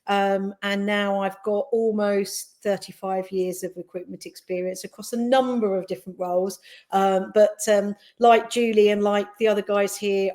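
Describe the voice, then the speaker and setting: A woman in her fifties introducing herself on a panel, relaxed and full of fillers. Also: medium pitch. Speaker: recruiter, panel guest.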